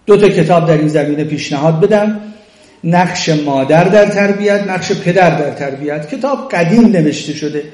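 Guy lecturing on parenting, pretty high voice, lively, acts out little quotes, echoey room. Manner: animated, acts out quoted lines. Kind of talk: religious lecture.

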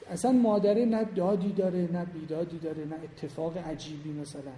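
A man's voice: a little high, dark tone, slight background noise. A middle-aged man giving an informal lecture on family life to a class, speaking conversationally and emphatically and putting questions straight to his listeners. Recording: roomy hall with long reverb.

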